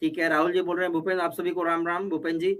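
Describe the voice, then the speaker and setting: A man's voice: on the high side, little pitch movement, racing, fairly bright tone. A man on a live political panel debate, reading out viewer comments one after another and arguing back with quips. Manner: reads comments aloud, argues with quips.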